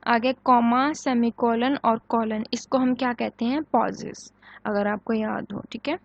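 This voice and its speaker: Higher-pitched woman lecturing on grammar. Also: fairly even intonation, gravelly, no echo, muffled recording. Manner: explains in Urdu-flavored Hindi, reading English example sentences slowly; asks the class questions and answers them herself. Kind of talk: recorded online lecture.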